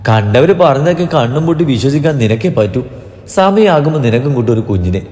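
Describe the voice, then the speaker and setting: A man's voice: medium pitch, very animated, fast talker, a little mellow, reverberant, in a large hall, faint music behind, natural voice. A man voicing a bitter, scolding young mother in a read-aloud story. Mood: grudging. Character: angry young mother, sharp-tongued woman.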